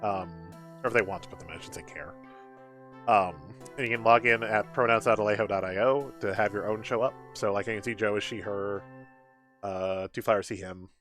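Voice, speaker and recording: A man's voice: fairly low pitch, fairly even intonation, brisk, fairly bright tone. A man giving chatty, casual live game commentary with wry asides, switching into reading on-screen text aloud. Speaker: game streamer. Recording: game music behind the voice. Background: video game music.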